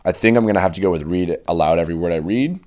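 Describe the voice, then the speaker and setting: Young man, podcast co-host, casual chat, very low pitch, rambling jokes. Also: racing. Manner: joking, rambling, slips into a soft put-on radio voice.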